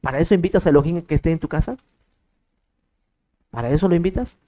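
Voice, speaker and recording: A man's voice: a little high, fast talker, warm tone, rough recording. A man preaching a sermon, firing off rhetorical questions and acting out bits of dialogue. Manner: emphatic, rhetorical questions, acts out quoted dialogue.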